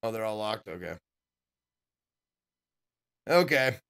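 A man's voice: lowish voice, expressive, slow pace, vocal fry, fairly bright tone, clear, resonant tone. A man in his thirties streaming a game and muttering short, casual comments as he plays. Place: indoor home streaming setup.

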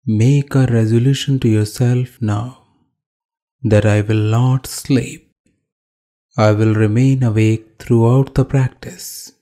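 Pausing between each phrase, this Indian-accented man guides a meditation as a yoga teacher, offering brief, calm directions in a mid-range voice.

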